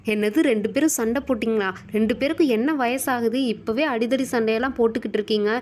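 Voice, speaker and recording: A strict schoolteacher, voiced by a woman, who scolds in a firm, slightly raised voice. It is voice acting for a doll show, and her pitch sits a little above the middle. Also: quick pace, a little mellow, close to an everyday voice. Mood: stern scolding. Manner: scolding, stern.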